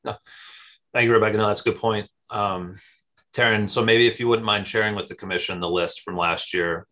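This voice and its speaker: Male commission chair at a public meeting; deep, bright voice, halting delivery. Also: steady tone. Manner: halting, with frequent fillers and restarts.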